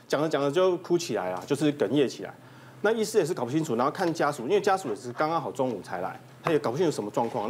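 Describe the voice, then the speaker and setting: Male doctor guest, quick and animated, higher voice, some noise behind. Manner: lively, imitates patients, rushed delivery. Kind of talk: telling a funny patient story.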